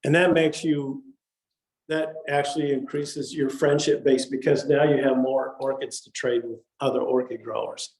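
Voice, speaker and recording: A man's voice: medium pitch, little pitch movement, moderate pace, darkish tone. An older man gives a casual talk to a garden group, chatty, often repeating words and saying "okay" between points. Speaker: orchid society speaker. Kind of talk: casual slide lecture. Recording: echoey room.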